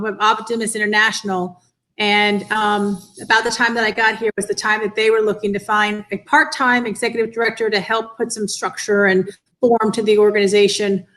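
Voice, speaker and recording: This interview guest, a children's cancer charity director in her fifties from the northeastern US, responds earnestly and with appreciation while indoors on an online call. Her medium-pitched voice is pushed and bright, and the audio is poor.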